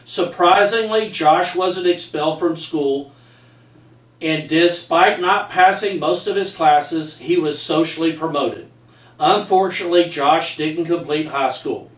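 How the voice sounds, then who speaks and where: Here the same middle-aged teacher earnestly reads out a story he wrote, stumbling on some of the words at an unhurried pace. His pitch is fairly high. It was recorded in a reverberant room from a distant mic.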